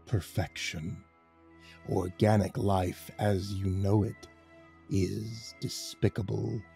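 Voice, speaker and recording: A man voicing a cold, contemptuous alien emissary from the stars, speaking in slow, measured pronouncements through a metallic voice filter. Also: fairly low pitch, gravelly, mellow. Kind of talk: audiobook narration.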